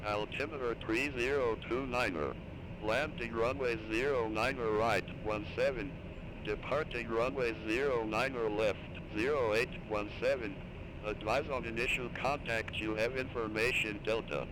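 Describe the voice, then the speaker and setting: Automated airport weather broadcast, male voice, measured number-by-number read, mid-range pitch, clear background noise. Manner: flat, measured, reading weather and runway numbers.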